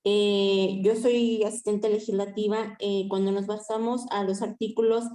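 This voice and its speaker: A woman's voice: mid-range voice, level tone, unhurried, dark tone. A woman student, a legislative assistant, politely and hesitantly asking her teacher a question during an online class. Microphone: video call. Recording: roomy video call audio.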